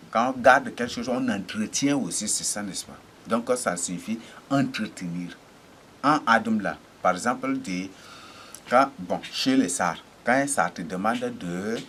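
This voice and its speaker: A man preaching a teaching sermon, halting and repeating words, often asking rhetorical checks. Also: fairly low pitch, a bit bright, a little hiss or hum.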